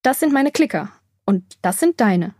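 A woman voicing a bold, bossy yet kind young girl in an audiobook, with a breathy voice. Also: fairly high pitch, expressive, darkish tone, no echo, studio quality. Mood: friendly. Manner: scolding then friendly, explaining slowly. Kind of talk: audiobook character voice.

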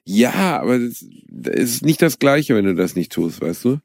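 A man's voice: mid-range voice, sing-song, moderate pace, dry recording, studio quality. A young man co-hosting a podcast, joking in casual banter with self-mocking, mock-sentimental remarks. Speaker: podcast co-host.

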